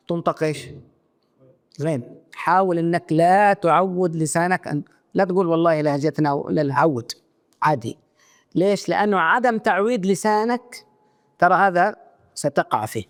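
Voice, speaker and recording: Higher-pitched man giving a religious lesson. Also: moderate pace, long pauses. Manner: instructive, checks listeners with rhetorical questions. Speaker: Quran teacher trainer. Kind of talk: religious lecture. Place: mosque lecture hall.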